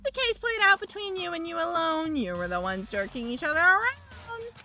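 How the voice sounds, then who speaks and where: A woman doing a taunting evil robot bear mascot, a little gruff but swinging high and low in a big lively range, mocking and theatrical, with game music going underneath. he's smug, he draws out his jabs, and he sounds like a cartoon villain in a video game. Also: moderate pace. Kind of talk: video game voice acting on a live stream.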